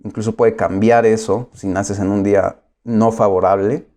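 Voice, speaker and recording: A man giving a lecture, pausing often with filler sounds and explaining patiently. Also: lowish voice, fairly even intonation, warm tone. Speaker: course lecturer.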